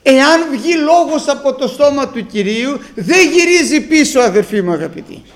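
A man preaching a sermon to his congregation, retelling conversations and swinging between soft asides and emphatic bursts. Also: very high voice, expressive.

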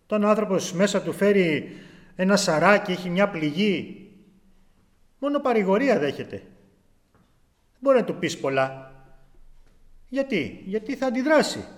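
High-voiced man preaching in a hall. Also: animated, pauses often. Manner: addresses listeners as brothers, reads scripture then explains it. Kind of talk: sermon with Bible reading. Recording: long reverb of a large hall.

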